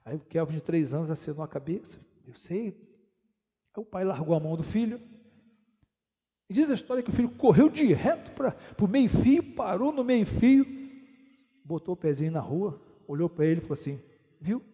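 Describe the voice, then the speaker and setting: A man's voice: sits high, expressive, a little fast, dark tone. A man preaching a sermon as pastor, telling stories and asking rhetorical questions, stretching out key words. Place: church hall. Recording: dull sound with long hall reverb.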